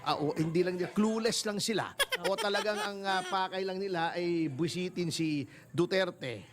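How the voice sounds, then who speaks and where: A man's voice: high-pitched, normal speed, over music. A male lawyer as a guest in a casual interview, talking bluntly and mockingly and laughing as he speaks.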